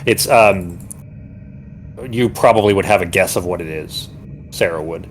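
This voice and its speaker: Rambling low-voiced game master. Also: male voice, normal speed, slight background noise. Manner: rambling, searching for words, many restarts. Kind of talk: narrating a tabletop game.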